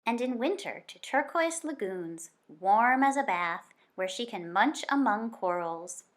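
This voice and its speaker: A woman with a fairly high-pitched voice reads a children's nonfiction picture book aloud. She sounds like a teacher, using an expressive, deliberate storytelling style.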